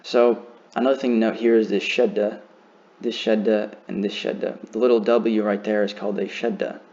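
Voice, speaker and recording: A man teaching a beginner lesson, slowly and carefully demonstrating how each word is pronounced. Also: on the low side, flat delivery, darkish tone, lo-fi sound. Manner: slow, careful demonstration of pronunciation.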